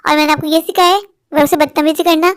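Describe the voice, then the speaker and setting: A woman voicing a patient cartoon mother who explains things softly and calmly. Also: high voice, fast, dry recording, studio quality, lightly acted. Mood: gentle. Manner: soft calm explaining.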